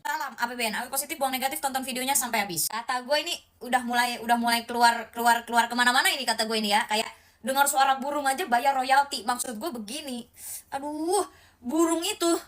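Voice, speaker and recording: A woman's voice: sits high, fairly bright tone. A woman giving a casual, exasperated commentary rant, rambling and searching for words.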